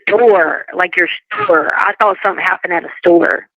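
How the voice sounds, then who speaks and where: A woman chatting casually over a prison phone call, animated and quick to joke. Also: on the low side. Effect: heard over a prison phone line. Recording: muffled lo-fi phone line.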